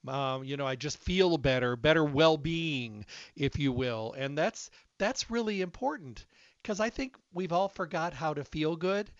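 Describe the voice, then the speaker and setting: A man's voice: a little high, animated, unhurried, no room sound. Earnest man as interview host. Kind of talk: casual interview talk. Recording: dry, slightly dull sound.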